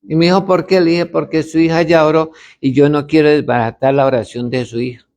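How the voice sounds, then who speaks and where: A pastor teaches other pastors conversationally, telling anecdotes and retelling stories with quoted dialogue. His gravelly voice is on the high side, fairly quick and a little mellow, with little pitch movement.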